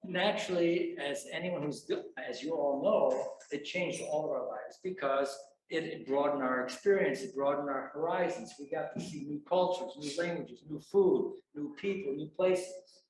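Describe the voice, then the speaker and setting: At a university gathering, a photographer in his seventies returns as an alumnus to address the crowd with easygoing, self-mocking humor. He talks at a normal pace in a fairly high, somewhat mellow voice, barely pausing, while the far-off microphone catches the strong echo of the hall.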